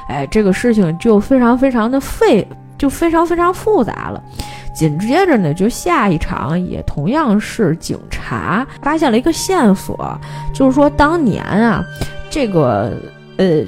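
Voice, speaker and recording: A woman, hosting a casual film podcast and retelling a plot in lively detail. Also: medium pitch. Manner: animated storytelling, briefly mimics characters' lines.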